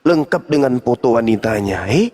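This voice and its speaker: An older man, hosting a casual chat and giving fatherly, lecturing advice with animated stories. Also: mid-range voice, normal speed. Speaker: host.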